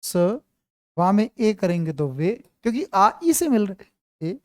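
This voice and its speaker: A man's voice: high voice, sing-song, slow, no echo, studio quality. A man teaching an online grammar class, quizzing his students and repeating his questions.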